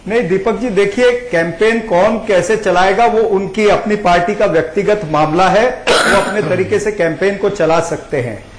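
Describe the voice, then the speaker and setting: A man with a high voice, recorded with a roomy echo, takes part in a TV political debate. He fires off a rapid string of pointed questions. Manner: rapid-fire listing of questions. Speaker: party spokesman.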